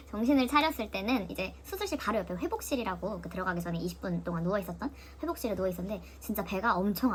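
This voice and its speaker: 젊은 여성 브이로거의 빠른 수다. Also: female voice, mid-range voice, slight background noise. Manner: lively, mimics voices of nurses and her sister while retelling. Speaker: vlogger. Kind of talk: casual storytelling vlog.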